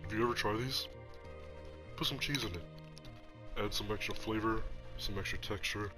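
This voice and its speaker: A man's voice: lowish voice, normal speed, music in the background. A young man hosting a podcast in casual mukbang chat, sniffling and talking while he slurps noodles. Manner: chatty, talks while eating and slurping noodles. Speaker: podcast host.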